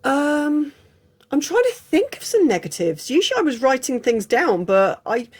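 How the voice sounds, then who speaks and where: Speaking at a moderate pace in a high, very animated voice, an English woman hosts her channel with an unscripted film review. She keeps it casual and frank, wandering off into digressions.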